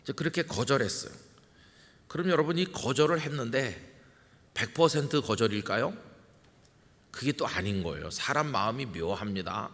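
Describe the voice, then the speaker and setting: A man's voice: medium pitch, lively intonation, moderate pace, long pauses, a bit bright. A middle-aged man, a senior pastor, preaching in a conversational way and putting questions to his congregation. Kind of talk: sermon. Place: large church sanctuary. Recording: church hall with long reverb.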